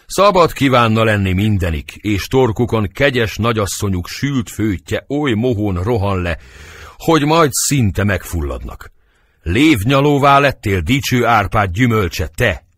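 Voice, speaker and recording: Guy reading a play doing a raging noble guy, fiery and bitter, low husky voice, swings up and down a lot. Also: lively intonation, fairly bright tone, no echo, studio quality. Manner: fiery outbursts, bitter growling. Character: hot-tempered cursing adult male nobleman. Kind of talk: audiobook drama reading.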